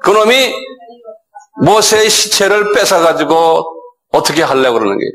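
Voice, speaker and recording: A middle-aged man preaching a sermon as pastor, animated and acting out scolding dialogue, often asking his listeners for assent. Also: normal speed, faint music behind, low-quality recording. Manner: animated, acts out dialogue with sudden raised pitch.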